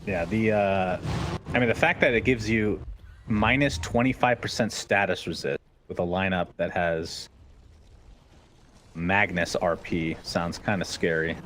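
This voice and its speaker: A man doing play-by-play esports commentary, his pitch jumping sharply upward whenever a fight breaks out. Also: steady tone, unhurried, fairly bright tone, a little hiss or hum.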